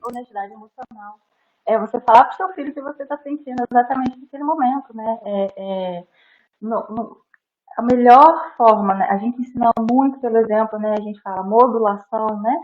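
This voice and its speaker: A woman with a fairly high voice speaks as a guest doctor, explaining child behaviour in lively interview talk. She keeps tagging her phrases with a quick questioning word and slips into the voices of parents and teachers. The sound is dull and lo-fi. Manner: animated, acts out quoted adults, frequent "né?" tags. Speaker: guest neuropediatrician.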